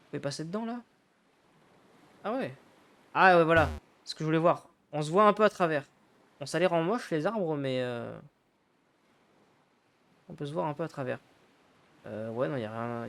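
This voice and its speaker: A man's voice: a little high, gravelly, a little hiss or hum. A man giving casual let's-play commentary, thinking aloud, swearing casually and loosely paraphrasing the game's dialogue. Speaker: gaming YouTuber.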